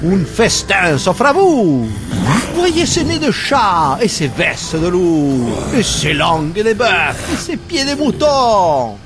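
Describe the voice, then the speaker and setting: A man's voice: high voice, sing-song, slow pace, over music, exaggerated voice. A man playing a cheeky, theatrical, taunting young elf, declaiming mockingly in a rhyming comic fantasy audio drama. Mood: mock-courteous.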